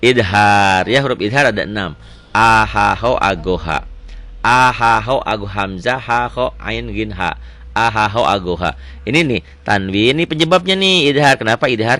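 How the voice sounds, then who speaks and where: Male Quran teacher, drills a student, recites slowly; animated, bright delivery. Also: mid-range voice, no room sound. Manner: quizzing questions, repeats answers, recites slowly. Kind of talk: Quran reading lesson with a child.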